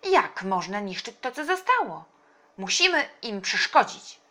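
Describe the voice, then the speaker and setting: A woman's voice: medium pitch, lively intonation, normal speed, vocal fry, slightly rough. A woman voicing a brave, caring uncle in a children's storybook reading, speaking in a firm, earnest way. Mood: indignant. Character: brave, caring uncle, middle-aged man.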